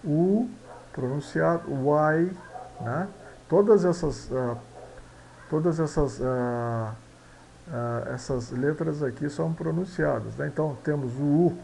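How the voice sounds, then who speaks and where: A man teaches language basics in a patient, repetitive way, often checking in with short tag questions. His voice sits a little high and carries a gravelly, creaky texture. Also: warm tone, a little hiss or hum, poor audio. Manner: explanatory, frequent tag questions, slow and repetitive. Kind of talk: explaining Portuguese phonology exercises.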